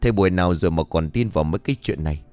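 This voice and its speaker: A man voicing a middle-aged man who soothes and reassures in a low, hushed voice. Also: rapid-fire, clean tone, soft background music, lightly acted. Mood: soothing, firm.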